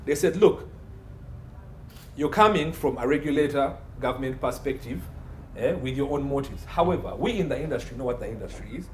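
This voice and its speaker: A legal consultant appears as an interview guest, his medium-pitched male voice animated and slightly quick. He explains emphatically, repeating phrases and asking rhetorical questions. The room echoes, with faint noise behind him.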